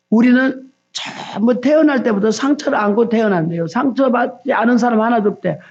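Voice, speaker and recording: Warm-voiced woman preaching a sermon. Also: fairly high pitch, vocal fry, lo-fi sound. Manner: storytelling, acting out people's pleas. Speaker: evangelist preacher. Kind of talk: sermon at a dawn prayer service.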